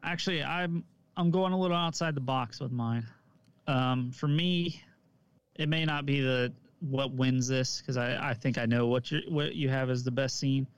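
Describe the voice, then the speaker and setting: A man with a smooth, resonant voice co-hosts a casual podcast and talks about coaching. He speaks easily, hedging his points and filling them with "like" and "um". The recording is dull and lo-fi, with a very dry sound. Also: mid-range voice, normal speed, no echo. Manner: easygoing, hedging, fills with "like" and "um". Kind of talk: casual chat.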